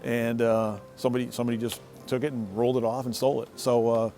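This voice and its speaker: A man's voice: medium pitch, little pitch movement, quick pace, mellow. Middle-aged guy rambling thru a story in his shed, keeps restarting, faint music behind. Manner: rambling, with many restarts and repeated words. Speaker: motorcycle owner telling a story. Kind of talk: casual spoken storytelling.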